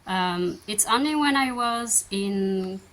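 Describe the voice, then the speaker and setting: A woman in her thirties with a French accent, French native, chatting gently and thoughtfully as she answers viewer questions in a slow-living vlog. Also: mid-range voice. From France. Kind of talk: casual Q&A chat.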